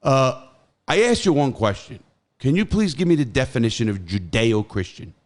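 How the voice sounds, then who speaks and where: A man's voice: mid-range voice, expressive, normal speed. Agitated, confrontational man arguing. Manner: confrontational, interrupting, profane, agitated. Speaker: talk show panelist. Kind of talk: heated panel debate.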